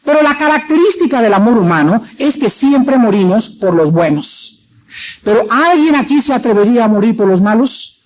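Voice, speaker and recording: A man preaching a sermon in a church, dramatic, acting out quoted voices and moving between loud and soft. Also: extremely high pitch, animated, normal speed, rough recording.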